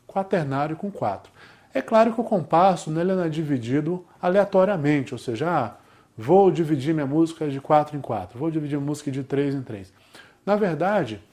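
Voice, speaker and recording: A man's voice: on the high side, a little mellow. A man with a Brazilian Portuguese accent teaching a music theory lesson, explaining step by step and often checking in with his students.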